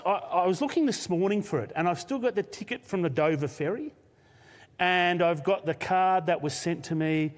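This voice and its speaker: A man with an Australian accent, a senior pastor, telling a personal story in a live sermon with lively laughs. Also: fairly high pitch. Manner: animated storyteller, laughs often. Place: church auditorium, live service. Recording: long hall reverb.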